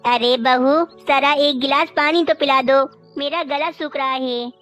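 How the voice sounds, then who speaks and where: A woman's voice: high voice, steady tone, unhurried, fairly bright tone, faint music behind. A woman voicing an old mother crow who complains and pleads, in a cartoon. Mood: wounded. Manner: plaintive, complaining. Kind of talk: cartoon voice acting.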